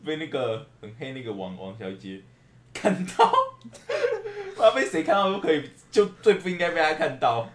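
A man's voice: on the high side, huge pitch swings, moderate pace. Teasing young man with Taiwanese accent. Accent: Taiwanese Mandarin. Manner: swears freely, teasing, laughs often. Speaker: podcast co-host. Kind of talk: casual chat. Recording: echoey room.

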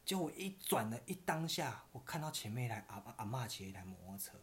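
A man with a Taiwanese Mandarin accent tells a story on a casual podcast. His pitch sits in the middle, and he rambles loosely. He stumbles over restarts and keeps laughing at his own tale. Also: very animated, fast talker. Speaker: podcast host.

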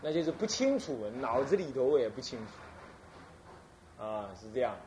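A man's voice: medium pitch, big pitch swings, measured pace, a little mellow, slight background noise. A man from Taiwan, an abbot giving a folksy Buddhist sermon and demonstrating chanting.

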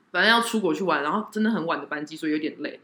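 Fast, animated woman in casual chat. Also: low voice, roomy sound. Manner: animated, self-deprecating, laughs often. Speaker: show host telling personal anecdotes.

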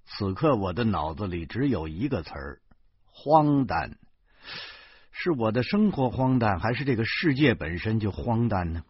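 A man narrating a first-person comic novel in a lively storytelling manner. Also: on the low side, normal speed, husky, dry recording. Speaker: audiobook narrator. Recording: muffled lo-fi recording.

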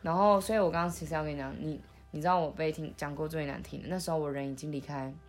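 Low-voiced young woman, soft and halting. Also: fairly even intonation, faint music behind. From Taiwan. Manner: soft and halting, with many restarts. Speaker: podcast host. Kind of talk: intimate conversational storytelling.

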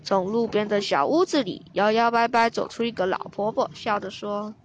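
A woman storyteller reading a children's story aloud in an expressive way. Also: mid-range voice, a little hiss or hum. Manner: slow, expressive.

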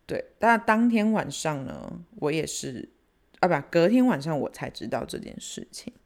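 A woman with a Taiwanese accent hosting a casual podcast, retelling a family story in an animated way and switching into Hokkien. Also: low voice, moderate pace, vocal fry. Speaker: podcast host.

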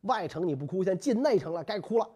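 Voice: mid-range voice, lively intonation, quick pace, a little mellow, breathy edge. A storyteller voicing a loyal, anxious court minister urgently begging his master in a history podcast. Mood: urgent pleading. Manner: urgent, pleading.

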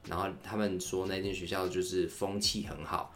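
A man's voice: deep voice, flat delivery, moderate pace, fairly bright tone, faint music behind. A young man, hosting a podcast and telling a story in a candid, rambling, chatty way. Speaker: podcast host. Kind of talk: casual solo storytelling.

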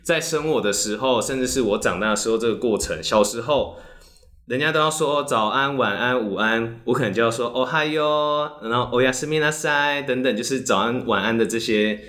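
A man with a Taiwanese Mandarin accent in a casual podcast chat, lively and quick to react and tease. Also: medium pitch.

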